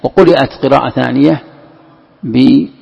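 A man with a deeply gravelly, husky voice teaches a scriptural commentary lesson. He reads a passage aloud, then explains it patiently and repeats key words. The sound is muffled and lo-fi, with a long hall echo. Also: normal speed. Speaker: Islamic scholar teaching Quran commentary.

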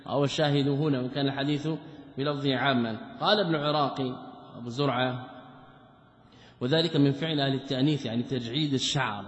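A male scholar giving a religious lesson, reading passages from a commentary and explaining them with rhetorical questions. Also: mid-range voice. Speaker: Islamic scholar teaching a text. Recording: muffled, echoey lecture hall recording.

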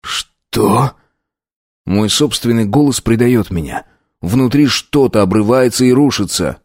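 A man's voice: medium pitch, animated, moderate pace, darkish tone, dry recording, clean studio sound. A man reading a first-person novel aloud as an audiobook, tense and brooding. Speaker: audiobook narrator.

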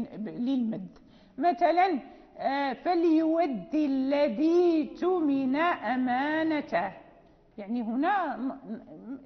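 A woman's voice: high-pitched, in a large hall, highs cut off. A woman teaching Quran recitation rules, explaining patiently and repeating key points. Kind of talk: recorded lesson.

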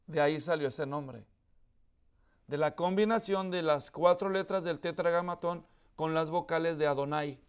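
High, clear-voiced preacher. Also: male voice, moderate pace. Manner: asks the audience questions often; explains with everyday examples. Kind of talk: sermon teaching to a congregation.

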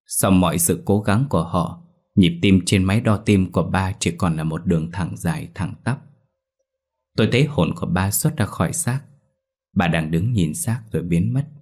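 Low, husky-voiced male storyteller. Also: moderate pace. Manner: steady, somber first-person telling. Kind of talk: scripted ghost story narration.

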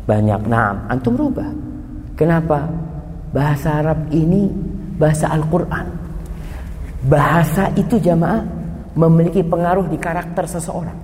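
A man preaching to a congregation, lively and full of rhetorical questions, his voice jumping high when excited. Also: normal speed, long pauses, slight background noise. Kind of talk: Islamic lecture to a congregation. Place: lecture hall. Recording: long hall reverb.

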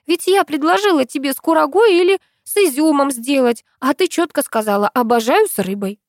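A woman narrator puts on a gentle, kind-hearted friend who pleads softly and fusses over everyone, pitched well above her narrating voice. The recording is dry and up close. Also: lively intonation, fairly quick, no echo. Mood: fussing. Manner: soft, pleading, caring. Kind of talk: audiobook dialogue reading.

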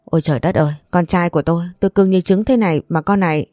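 A woman's voice: fairly low pitch, fast talker, mellow, no room sound, clean studio sound, natural voice. A woman reading the part of a domineering older mother-in-law who scolds and accuses. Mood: outraged.

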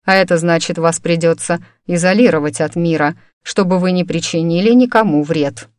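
A woman voicing a calm male interrogator. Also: fairly low pitch, no room sound, natural voice. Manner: mild, even, unhurried.

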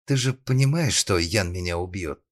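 A man's voice: deep voice, expressive, normal speed. A man voicing a desperate young woman held at gunpoint, who moves from pleading to raging fury in an audiobook. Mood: taunting. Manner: pleading, then spitting fury.

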